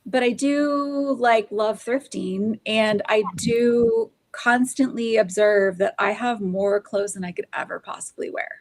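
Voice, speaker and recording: A woman's voice: on the high side, measured pace, few pauses, no echo. A woman co-hosting a casual podcast chat, talking in loose, rambling sentences full of fillers. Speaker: podcast co-host. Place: Oklahoma, US.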